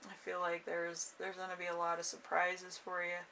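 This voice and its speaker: A woman gives an informal tarot horoscope reading in a lowish voice full of vocal fry. She thinks aloud and rambles, hesitating between cards. The microphone sits at a distance, with some faint noise in the room. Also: monotone, normal speed, sharp tone. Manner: rambling and hesitant, trailing off with frequent chuckles. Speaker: tarot card reader and channel host.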